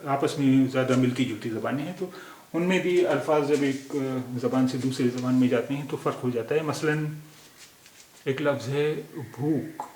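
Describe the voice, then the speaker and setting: A man's voice: mid-range voice, a little mellow, a little hiss or hum. Patient male teacher in an echoey room. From India. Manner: patient, repeats words slowly with many pauses. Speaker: language teacher. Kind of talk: explaining spelling corrections.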